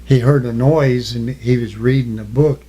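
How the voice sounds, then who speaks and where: An elderly man, a war veteran, remembering his service in an interview, halting as he recalls and answering in short, plain phrases. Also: medium pitch, fairly even intonation, dark tone, husky. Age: elderly, 80s or older. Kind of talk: reminiscing in an oral history interview.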